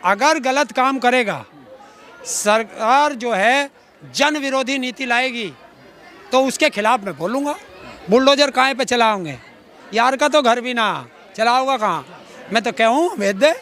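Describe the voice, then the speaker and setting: In an outspoken street interview, a middle-aged man from Uttar Pradesh, India, a farmer activist, fires off rhetorical challenges in a combative, sarcastic way. His voice is very high and fairly bright, and he speaks unhurriedly. The recording is outdoors in a public place with a faint crowd in the background.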